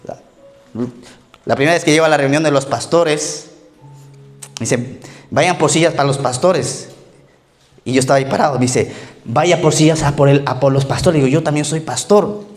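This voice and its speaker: A man in his thirties preaching a relaxed, conversational sermon in a church, joking and often checking in with "ok?" and "right?". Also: fairly high pitch, moderate pace, long pauses, faint music behind. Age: 30s. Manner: joking, frequent "¿ok?" and "¿verdad?" tag questions. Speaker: pastor.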